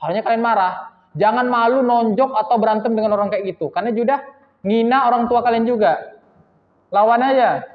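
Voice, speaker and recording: A man's voice: very high voice, fast. A man teaching a religious lesson to students, scolding and asking rhetorical questions, acting out little dialogues. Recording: echoey hall, dull lo-fi sound.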